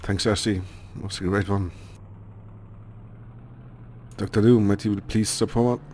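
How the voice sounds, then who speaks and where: A man's voice: lowish voice, fairly even intonation, measured pace. A man hosting a memorial over game voice chat, speaking hesitantly with many fillers. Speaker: master of ceremonies. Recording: voice chat with loud noise.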